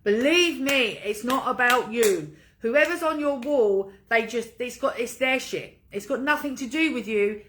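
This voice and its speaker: A woman's voice: a little high, animated, unhurried, a bit bright. A woman coaching an online group in a casual livestream, talking informally in an emphatic pep-talk way that leans on repetition.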